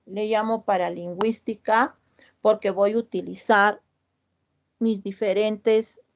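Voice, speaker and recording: A middle-aged woman teaching over a slightly muffled video call, her voice sitting at an ordinary middle pitch. She works through each term step by step, repeats the key words and keeps asking the class questions. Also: fairly even intonation, takes it slowly. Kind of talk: online class lecture.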